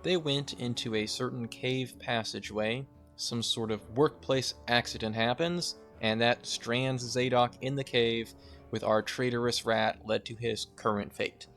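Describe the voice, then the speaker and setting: Conversational young man narrating over soft music. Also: medium pitch, steady tone, a little slow. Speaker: video game essayist.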